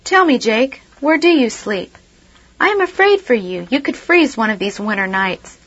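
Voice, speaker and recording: A woman reading the part of an earnest, devout man who cares for orphans, speaking gently and asking one question after another. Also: fairly high pitch, lively intonation, moderate pace, lo-fi sound. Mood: pleading.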